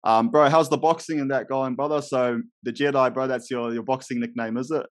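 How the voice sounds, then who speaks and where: A podcast host with a mid-range, steady voice runs a casual interview at a fairly quick pace, with no echo. He's laid-back, calls his guest bro and brother, and fills gaps with lots of um.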